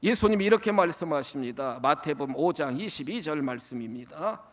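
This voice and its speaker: A man preaching a Sunday sermon as pastor, emphatic and calling out to his congregation, swinging between loud exclamations and hushed asides. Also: fairly high pitch, lively intonation, brisk. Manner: repeatedly addresses the congregation, asking them to repeat words. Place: church sanctuary.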